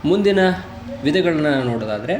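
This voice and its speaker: A man teaching grammar, reading his English example sentences slowly and deliberately. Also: fairly high pitch, sing-song, roomy sound, noisy background. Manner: slow, deliberate English example sentences between quick Kannada explanations. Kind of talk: explaining grammar in a lesson.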